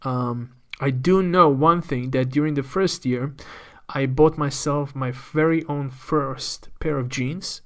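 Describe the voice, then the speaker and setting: Appearing as a guest on a podcast, a man from Croatia in his 30s, a native Croatian speaker, shares a personal story openly, frequently repeating words as he gathers his thoughts. He speaks slowly in a steady, mid-range voice that sounds a bit bright.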